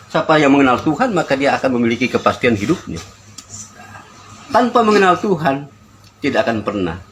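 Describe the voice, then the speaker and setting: Older male spiritual teacher, mid-pitched, instructing in emphatic maxims over light ambient noise. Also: fairly bright tone. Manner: emphatic, aphoristic, didactic delivery. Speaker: spiritual teacher answering questions. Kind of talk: informal religious discourse. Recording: noisy ambient background.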